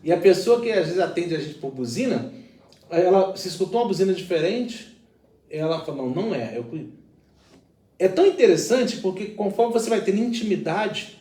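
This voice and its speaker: A man's voice: high voice, lively intonation, fairly quick, warm tone, reverberant, distant mic. A man, a pastor, talking through a Bible reflection in an earnest, explanatory way with everyday examples.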